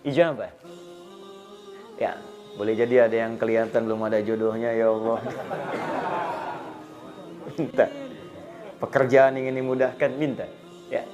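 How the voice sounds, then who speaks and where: A middle-aged man preaching a sermon, telling stories with acted dialogue and recited verses, swinging between loud emphasis and soft asides. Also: medium pitch, steady tone, unhurried, long pauses, muffled recording, music in the background, crowd noise. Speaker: Islamic preacher.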